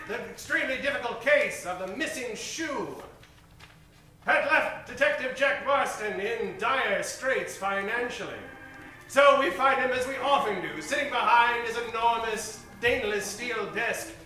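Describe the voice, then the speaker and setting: With an extremely high-pitched, sharp voice, a man narrates and hosts a radio comedy show in a grand, dramatic old-time announcer manner. It's a live stage performance in a roomy venue, picked up from far off with echo and background music.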